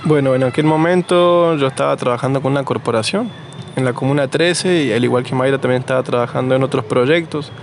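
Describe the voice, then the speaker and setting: An Argentine man being interviewed outdoors, talking in a relaxed, rambling way with fillers and restarts. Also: medium pitch, fairly quick, vocal fry, slight background noise. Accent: Argentine Spanish. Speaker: interviewee, nursery co-founder. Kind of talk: casual conversational interview.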